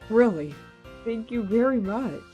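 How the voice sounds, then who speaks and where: A woman voicing an earnest, polite, curious young actress in an anime fan dub, with theatrical, deliberate, formal phrasing. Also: a little high, animated, dull audio, faint music behind. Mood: earnest, pleading.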